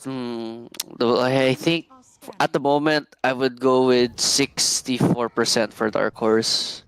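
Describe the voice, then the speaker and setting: Male esports co-caster, soft groggy e-boy tone, smooth, lazy relaxed drawl, casual delivery. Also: medium pitch, takes it slowly, rough recording. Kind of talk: casual live video game commentary.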